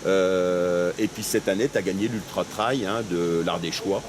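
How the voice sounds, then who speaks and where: A man's voice: low-pitched, fairly even intonation, unhurried, noisy background. A man interviewing a runner after a mountain race, hesitant, with many fillers and tag questions. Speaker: sports interviewer. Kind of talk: outdoor post-race interview.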